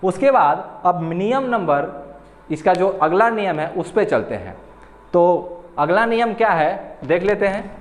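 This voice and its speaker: A male teacher giving a slow board lesson on grammar, repeating and spelling out each syllable. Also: high-pitched, sing-song. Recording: echoey room with long reverb.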